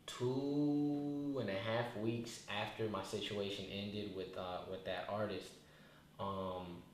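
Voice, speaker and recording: Slow and fairly even, a fairly low male voice belongs to a twentysomething rapper being interviewed. He recounts his story in a relaxed, meandering manner, frequently starting over, in casual reflective conversation. The room is very echoey, with faint noise.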